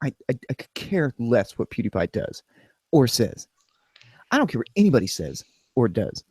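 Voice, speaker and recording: A man co-hosting a casual podcast, talking in a sarcastic, rambling way that swings from flat to animated. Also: medium pitch, moderate pace, breathy edge, no room sound. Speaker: podcast co-host.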